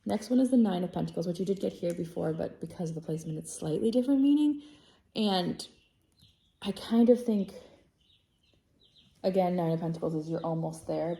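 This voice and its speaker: A woman with a low, gravelly voice gives a casual tarot reading to camera. Her tone is mellow and dark. She rambles, corrects herself and stops to apologize as she checks her notes. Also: roomy sound. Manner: chatty, rambling, self-correcting; reads from notes, apologizes often. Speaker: tarot reader.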